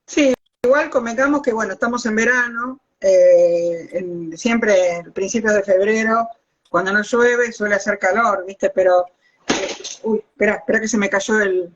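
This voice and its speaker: A woman with an Argentine accent, a biologist guest chatting casually in a live video call from a hallway at home, overheated and talking in quick asides. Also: medium pitch. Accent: Argentine Spanish. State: overheated from the heat. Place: hallway at home beside the router. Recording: lo-fi phone audio.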